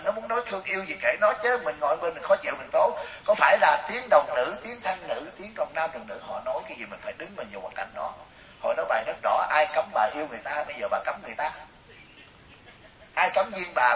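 Animated Buddhist monk preaching, roomy distant sound. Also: male voice, fairly high pitch, quick pace. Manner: animated storytelling, acts out quoted voices, asks audience questions. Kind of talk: dharma talk sermon. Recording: roomy, distant, hissy recording.

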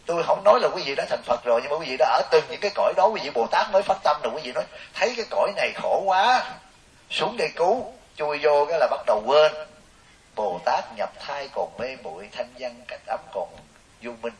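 Animated monk preaching. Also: male voice, medium pitch, quick pace. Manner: animated, joking, storytelling with quoted voices. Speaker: Buddhist monk teacher. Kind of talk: dharma talk to a lay audience. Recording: hissy distant recording.

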